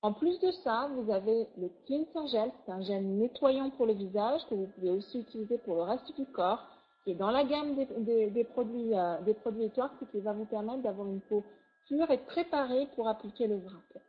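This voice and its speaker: A woman's voice: a little high, normal speed. A woman giving an enthusiastic sales presentation over slides, full of superlatives. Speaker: product presenter. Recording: tinny phone-like audio.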